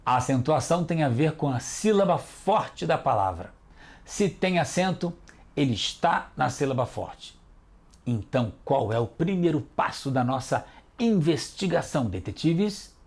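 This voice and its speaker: A man's voice: on the high side, animated, measured pace, darkish tone. A man hosting a children's educational TV lesson, patiently encouraging the kids as detectives. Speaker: teacher and host.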